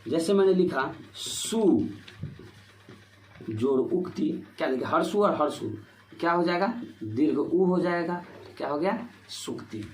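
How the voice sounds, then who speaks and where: In an echoey room with faint noise, a man with a slightly high voice gives a board-exam Hindi grammar lesson. He is animated yet unhurried, leaving long pauses, and explains step by step through repetitive rhetorical questions and "ठीक है" fillers.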